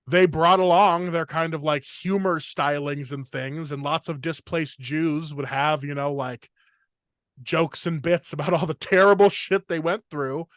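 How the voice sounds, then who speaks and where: Brief: young male comedian-host, slightly high voice, rambling and filler-heavy, dry close recording. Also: a bit bright, clean tone, dry recording. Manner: rambling, filler-heavy, fast torrent of words. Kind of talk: casual podcast chat.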